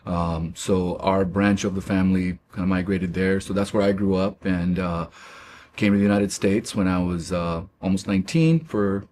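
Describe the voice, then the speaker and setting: A man in his forties from Pakistan, a guest speaking haltingly in a casual interview, with many fillers and restarts. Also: sits low, darkish tone, a little hiss or hum.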